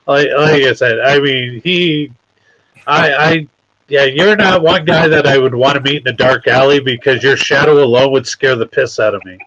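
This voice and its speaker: Give me a laid-back man hosting a casual podcast, slightly high-pitched, on a dull lo-fi mic. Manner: laid-back, rambling, agreeable. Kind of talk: casual chat.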